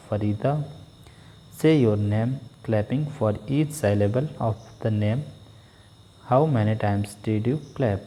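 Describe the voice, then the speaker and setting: A male teacher with an Indian English accent. He reads English textbook lines aloud slowly and explains them quickly in Hindi. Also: fairly low pitch, dark tone.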